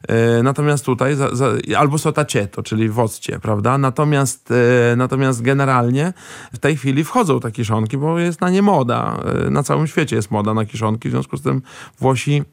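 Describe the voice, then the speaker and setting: A man chatting as a guest expert in a rambling way, often pausing with fillers and tagging questions onto his sentences. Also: medium pitch, vocal fry, dry recording, clean studio sound. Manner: frequent hesitant fillers and restarts. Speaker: guest expert on Italian food. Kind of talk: casual chat.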